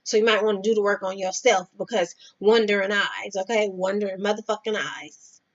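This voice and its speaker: A woman's voice: medium pitch, fairly even intonation, fairly quick. A woman giving blunt, profane advice in a casual vlog, talking straight to the viewer. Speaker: vlogger. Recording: dull lo-fi sound.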